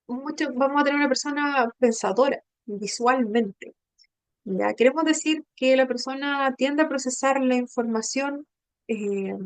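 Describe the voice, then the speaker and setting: A woman teaching a class, her voice sitting a little high and recorded dry and close. She explains step by step in a patient way. She keeps checking that everyone is following. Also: no echo. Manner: patient, explanatory, checks in with frequent tag questions. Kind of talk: online training class.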